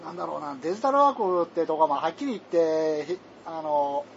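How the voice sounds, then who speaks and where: A man's voice: fairly high pitch, fast talker, creaky, highs cut off, a little hiss or hum. A man co-hosting a casual comedic chat, talking animatedly and slipping into impressions of people as he tells stories. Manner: animated, mimics people mid-story, laughs often. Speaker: podcast co-host.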